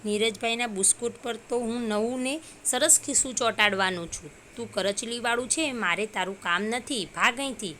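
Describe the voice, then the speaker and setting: A woman voicing a grumpy adult male tailor in a children's story, speaking gruffly and dismissively. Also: on the high side, normal speed, hardly any pauses, sharp tone, a little hiss or hum. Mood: scolding.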